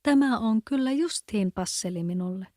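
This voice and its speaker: A woman's voice: on the high side, lively intonation, mellow, no room sound, clean studio sound, natural voice. A woman with a Kven accent voicing a curious little girl in a storybook, mostly in her own voice. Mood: fussy.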